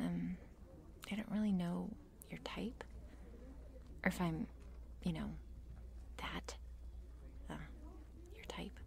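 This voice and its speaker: This is a shy, meek cheerleader with a crush, acted by a woman in an intimate whispered role-play. She speaks slowly and haltingly, slipping between creaky murmurs and breathy whispers. Her manner is nervous, self-deprecating and apologetic. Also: lowish voice.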